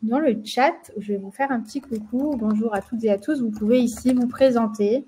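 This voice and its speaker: A woman's voice: fairly high pitch, normal speed, mellow, slight background noise. A woman with a French accent hosting a live webinar, with lots of fillers and restarts and a slight frog in her throat. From France. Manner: many fillers, hesitant restarts. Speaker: webinar host, marketing manager.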